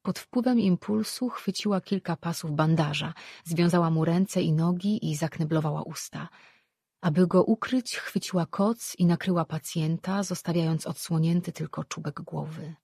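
An audiobook narrator reading a fantasy novel in a steady, measured way. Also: mid-range voice, gravelly, breathy edge, no room sound, studio quality.

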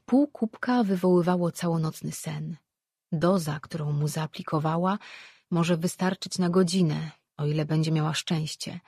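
Gravelly, husky audiobook narrator. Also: medium pitch, no echo, studio quality. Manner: steady, measured reading. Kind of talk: scripted fantasy novel narration.

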